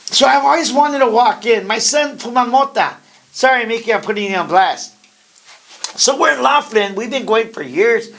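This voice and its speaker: A man's voice: very high-pitched, lively intonation, moderate pace, gravelly, fairly bright tone. A man in his fifties hosting a podcast with casual comic storytelling, profane and rambling, mixing in Spanish slang. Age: 50s. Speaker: podcast host.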